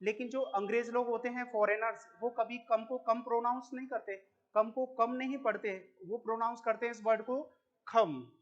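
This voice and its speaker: A man's voice: very high voice, level tone, dull audio. A man with an Indian accent teaching an English lesson, asking questions and answering them himself, repeating each word. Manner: explains slowly, repeats words, asks questions then answers them. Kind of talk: classroom lesson.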